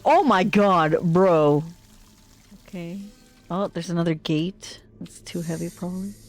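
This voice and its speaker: A woman's voice: on the low side, measured pace, a little hiss or hum. A woman streamer giving casual horror game commentary, full of jumpy reactions, exclamations and swearing.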